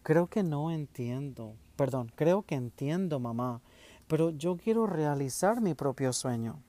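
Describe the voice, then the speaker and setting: Brief: man reading as a strained, pleading teen boy in a storybook, pitched up. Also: animated, a little slow, dark tone, no echo. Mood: tearful pleading. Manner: pleading, strained, holding back tears. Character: desperate teenage son, angry then tearful.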